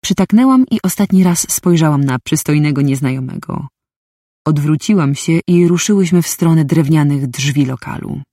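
A woman's voice: low voice, normal speed, mellow, dry recording, clean studio sound. A woman reading a first-person story aloud, with a wry, inner-monologue manner. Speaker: audiobook narrator.

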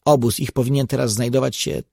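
A man reading an audiobook, voicing a seasoned tracker who explains and warns in a measured way. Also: mid-range voice, steady tone, creaky, warm tone, no room sound, studio quality, voice pushed up. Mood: explaining. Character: seasoned grave male tracker, guide.

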